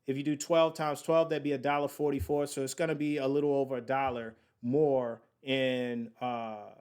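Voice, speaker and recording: A man's voice: medium pitch, flat delivery, moderate pace, darkish tone, clean tone. A man in his late thirties hosting a casual podcast about investing, talking to his listeners in a chatty, slangy way and working out sums aloud as he goes. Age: late 30s. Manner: slangy, addresses listeners as y'all. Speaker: podcast host.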